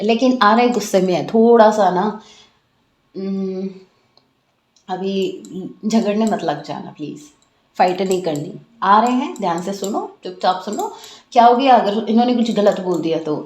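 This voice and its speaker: A woman's voice: on the high side, reverberant. An Indian woman doing a casual tarot reading, chatting to viewers with a slightly sore throat. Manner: chatty, animated, addresses viewers as guys. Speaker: tarot reader.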